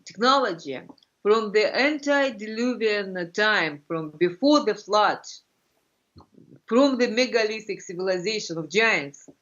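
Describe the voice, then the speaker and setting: A middle-aged woman from Russia with a Russian accent, explaining things as an interview guest in halting, fragmented phrases, searching for words. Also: medium pitch, fairly bright tone. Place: furnished room indoors. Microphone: video call computer microphone. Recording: muffled lo-fi video-call audio.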